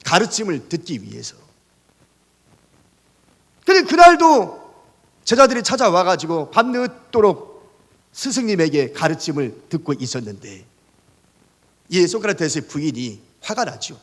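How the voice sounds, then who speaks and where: A male pastor giving a sermon, telling stories in an animated way and putting rhetorical questions to the congregation. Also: high voice, unhurried, long pauses, big-room sound. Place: church sanctuary.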